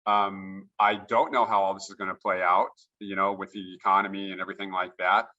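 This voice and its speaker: Eager guy on a video call, bright voice, kinda muffled dull audio, keeps restarting. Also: low-pitched, flat delivery, a little fast. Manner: enthusiastic, with frequent restarts. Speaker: guest note investor. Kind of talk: casual interview chat.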